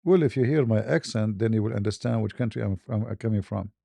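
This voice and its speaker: This online religious debater talks fast in a lowish, gravelly yet mellow voice, recorded without echo. Answering questions in a relaxed, conversational monologue, he uses simple non-native English and keeps restarting and repeating himself.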